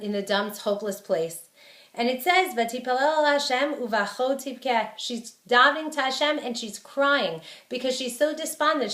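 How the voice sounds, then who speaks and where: A woman with a fairly high voice gives a Torah lecture, explaining each verse in plain words and repeating phrases for emphasis. The recording rings with the echo of a roomy space. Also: a bit bright. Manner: emphatic repetition for stress. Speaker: Torah teacher.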